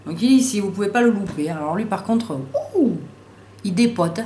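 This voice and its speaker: A woman doing a casual makeup haul video, talking in slangy, excitable bursts and swearing freely as she tests colours and trips over English names. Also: mid-range voice, normal speed. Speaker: beauty vlogger. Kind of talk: casual haul review with swatches. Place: sunny room at home. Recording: roomy echo, faint background hiss.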